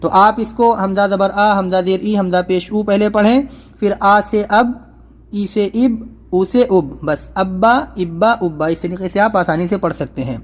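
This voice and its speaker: A high-voiced man leads a beginners' Quran reading lesson. He is patient and repeats each spelling slowly and firmly. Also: steady tone. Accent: Urdu. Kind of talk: step-by-step recitation lesson.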